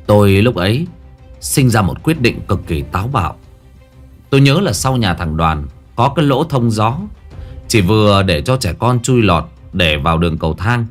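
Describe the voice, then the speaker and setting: A man with a low-pitched voice narrates a ghost story in the first person. His intonation rises and falls dramatically as he tells it, and faint music sits underneath. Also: normal speed. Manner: lively, dramatic telling.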